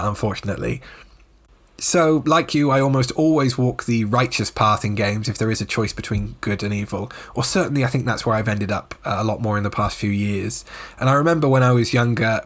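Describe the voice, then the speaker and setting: A man co-hosting a podcast, answering in a reflective, wordy way and often pausing with short fillers. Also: mid-range voice. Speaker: podcast co-host. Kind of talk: casual podcast reply.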